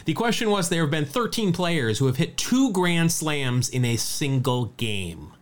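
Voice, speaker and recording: This sports podcast co-host has a slightly high voice and a measured pace. He keeps things casual and chatty, lively as he fires off statistics.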